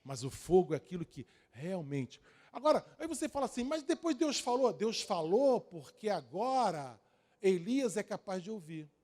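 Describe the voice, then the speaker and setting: A pastor preaching a sermon with emphatic repetition, swinging between quiet, intimate asides and loud, rising exhortation. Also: male voice, high voice, very animated, normal speed.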